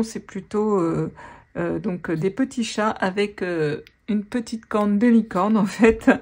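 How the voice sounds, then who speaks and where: Chatty woman reading tarot. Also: medium pitch. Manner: chatty and warm, many fillers and restarts. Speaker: tarot reader. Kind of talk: casual spoken tarot guidance.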